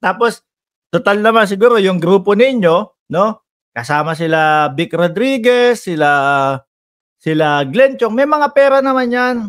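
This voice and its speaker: A man's voice: high voice, lively intonation, a little slow. A man from the Philippines giving casual political commentary as a vlogger, talking straight to his viewers in a teasing, sarcastic way.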